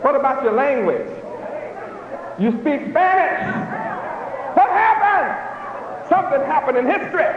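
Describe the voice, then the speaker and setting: A man preaching a fiery sermon to a gathered audience, pressing his points with rhetorical questions and bursts of shouting. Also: very high voice, sing-song, a little slow, pauses often, a crowd in the background. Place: hall with a live audience. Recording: echoey hall, dull lo-fi, noisy.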